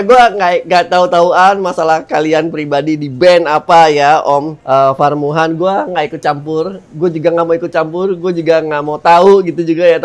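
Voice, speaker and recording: A man, hosting a relaxed, slangy chat as he answers viewer comments. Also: fairly high pitch. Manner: relaxed, chatty, slangy with English asides. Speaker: YouTube channel host answering viewer comments. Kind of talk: casual vlog chat.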